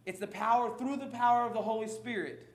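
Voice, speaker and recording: High-voiced, laughing preacher man. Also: brisk, echoey room. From Maryland, USA. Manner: animated, self-deprecating, laughs often. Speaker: pastor. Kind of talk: sermon.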